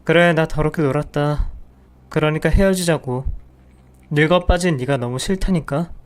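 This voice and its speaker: A man's voice: a little high, moderate pace, smooth, natural voice. A man voicing a harsh, dismissive husband who scorns his wife in a narrated audio drama. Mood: contemptuous. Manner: contemptuous, curt.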